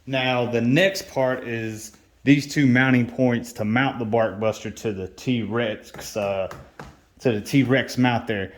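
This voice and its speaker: A man explains a motorcycle install in a relaxed, hands-on way, often dropping to a near whisper as if talking to himself at work. His voice sits in the middle range. The sound bounces around a roomy garage. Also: mid-range voice, takes it slowly. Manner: quiet, half-whispering to himself as he works. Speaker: motorcycle vlogger and mechanic. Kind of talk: casual how-to while working.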